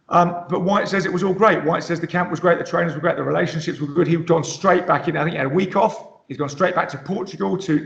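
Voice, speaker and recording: A man's voice: fairly high pitch, vocal fry, fairly bright tone. A man from Britain giving conversational boxing analysis, thoughtful and full of fillers and restarts. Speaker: boxing pundit. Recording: roomy, muffled lo-fi sound.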